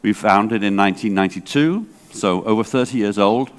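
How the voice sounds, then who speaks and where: Long reverb fills the large hall where a man in his sixties from England, director of a library association, delivers a conference talk in an English accent. He speaks at a moderate pace in a lowish voice, chatty and digressive, poking fun at himself and using many fillers.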